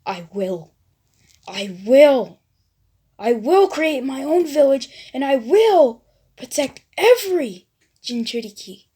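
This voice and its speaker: A woman's voice: mid-range voice, sing-song, slow, long pauses, husky, exaggerated voice. A woman voicing a desperate, angry young teenage boy ninja who cries out and vows revenge in a fan story. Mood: determined. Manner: shouting, pleading, vengeful.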